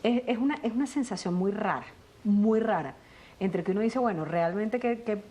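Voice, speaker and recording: This guest is a Colombian actress in middle age, sharing lively family anecdotes during an interview and performing the characters' lines herself. She speaks at a normal pace in a mid-range voice.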